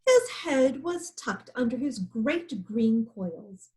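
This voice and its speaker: A woman narrating a children's picture book aloud in an expressive storytelling way. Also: fairly high pitch, slow pace. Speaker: storybook reader.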